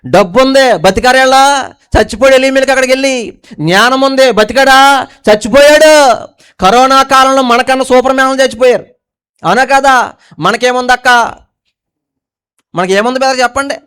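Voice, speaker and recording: With a high, smooth, resonant voice, a male pastor preaches briskly and with long pauses, shifting from forceful, emphatic lines to quiet, low asides. He keeps posing call-and-response questions to the congregation.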